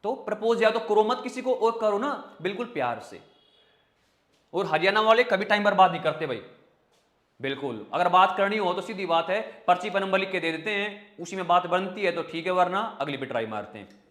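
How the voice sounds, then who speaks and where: A high-voiced male teacher runs an online vocabulary class. He jokes and chats with his viewers between memory tricks, and his voice echoes around the room. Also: lively intonation, normal speed, fairly bright tone. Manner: joking, chatty, with mnemonics and asides to viewers.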